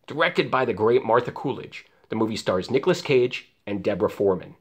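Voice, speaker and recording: A man's voice: mid-range voice, lively intonation, a little fast. An American man, a filmmaker hosting and presenting to viewers in a scripted style. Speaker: host, filmmaker.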